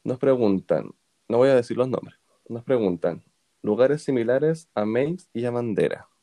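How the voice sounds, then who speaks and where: A man's voice: medium pitch, measured pace, no echo. A young man with a Chilean accent, chatting casually as a podcast co-host, loose and slangy. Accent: Chilean Spanish. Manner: relaxed, loose slang-filled talk. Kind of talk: casual chat.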